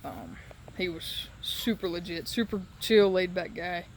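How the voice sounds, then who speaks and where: High voiced guy doing a rambly halting vlog after surgery, sore throat, bit of noise behind him. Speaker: patient giving a recovery update. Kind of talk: casual solo vlog.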